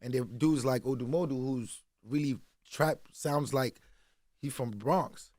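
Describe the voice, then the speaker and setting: A man from Nigeria, a guest musician, chats loosely in a casual interview at a radio studio, leaning on "you know what I'm saying." His mid-range voice is a little slow with a darkish tone. The studio microphone gives clean sound with no echo.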